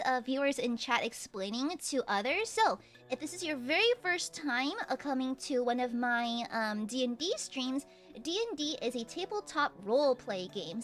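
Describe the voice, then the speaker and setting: A woman hosting a tabletop game stream as game master, chatting casually in an animated, giggly way. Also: sits high. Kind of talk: casual livestream chat. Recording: faint music behind the voice.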